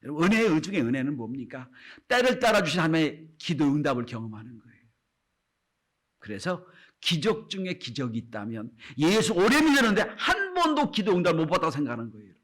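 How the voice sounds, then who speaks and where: A pastor preaches a sermon to his congregation, often turning to speak to them directly, his delivery swinging between loud calls and hushed whispers. His voice is a little high and sing-song, at a quick pace.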